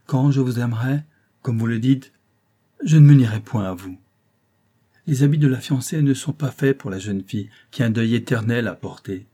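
A man's voice: medium pitch, dark tone, lightly acted. A man voicing a proud, grieving young Venetian woman in a story reading, sorrowful and dignified.

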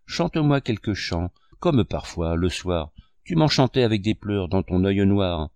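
Male reader doing a middle-aged ham actor in love with verse; sugary, theatrical, low-pitched, dry. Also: expressive, unhurried, a little mellow, no room sound. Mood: declaiming. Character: middle-aged man, amorous and grandiloquent amateur actor.

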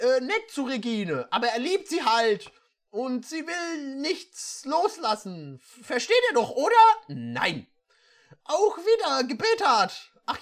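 A reader performing a comedic reading of bad fan fiction, breaking off for sarcastic, deadpan asides. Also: medium pitch.

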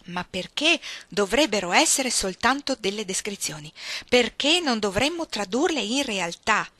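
A woman's voice: medium pitch, lively intonation, moderate pace, pushed and bright, dry recording. A woman reading the part of a young man, an impatient fiancé who presses and pleads earnestly in an audiobook reading. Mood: pleading.

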